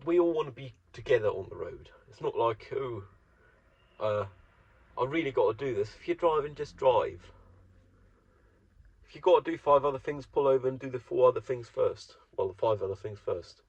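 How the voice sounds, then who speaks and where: A man's voice: medium pitch, lively intonation, fairly quick, vocal fry. A man from Germany talking to himself in a rambling, wry, self-mocking solo monologue. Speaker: solo vlogger. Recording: dull, dry close recording.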